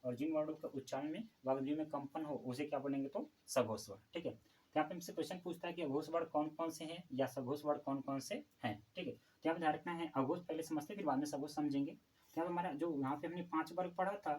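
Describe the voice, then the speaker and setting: A man teaching a Hindi grammar lesson for exam preparation, asking questions and answering them himself and repeating key terms slowly. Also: a little high, a little mellow, slight background noise, low-quality recording.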